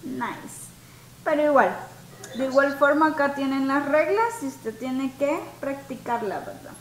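A woman teaching an English grammar class to students, explaining rules slowly and patiently and switching between Spanish and English. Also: sits high, lively intonation. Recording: echoey room, faint background noise.

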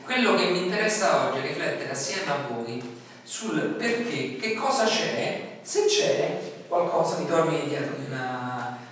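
A man's voice: fairly high pitch, lively intonation, unhurried, a bit bright, recorded from a distance, a little hiss or hum. A middle-aged man from Italy preaching a sermon in a small church hall, talking casually and putting questions to the congregation. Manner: conversational, asks the congregation questions. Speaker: pastor. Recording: echoey hall, voice from afar.

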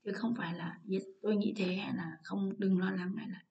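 A woman's voice: mid-range voice, steady tone, moderate pace, dark tone, muffled recording. A woman teacher with a Vietnamese accent, patiently going through an English exam paper and explaining each answer. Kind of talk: exam walkthrough lesson.

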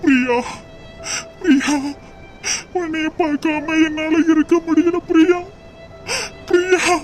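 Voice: medium pitch, lightly acted. A voice actor playing a heartbroken, stubborn young man in a cartoon, crying and pleading, with a Tirunelveli Tamil accent. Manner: sobbing, pleading. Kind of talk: amateur cartoon voice acting.

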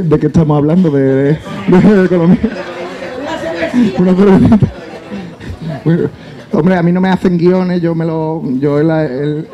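A man, a writer on a panel, speaking haltingly with restarts and chuckles. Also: on the high side. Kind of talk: casual panel talk. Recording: dull lo-fi sound.

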